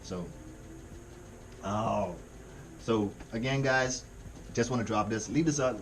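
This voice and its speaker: Here a Caribbean man, speaking Caribbean-accented English in a lowish voice, reacts to music at a slow pace. He rambles in a relaxed, slangy, casual way. The background is noisy.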